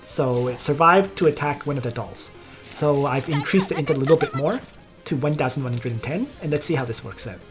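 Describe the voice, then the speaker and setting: A woman giving relaxed, casual gameplay commentary, explaining her strategy step by step. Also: very deep voice, brisk, music in the background. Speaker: game video player.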